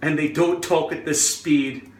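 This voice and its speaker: In a roomy, echoing indoor space, a vlogger demonstrates a hairpiece adhesive, speaking a little slowly in a steady voice on the high side. He rambles through the casual tutorial in a shaky, put-on Scottish accent, repeating words and swearing now and then.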